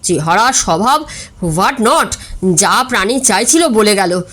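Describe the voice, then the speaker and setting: An aggrieved, easily flustered bachelor, sounding hurt and indignant and stumbling over his words when upset, as a woman reads him. He speaks in a lowered, unhurried voice. The delivery is storybook comedy. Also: expressive, pushed and bright, exaggerated voice.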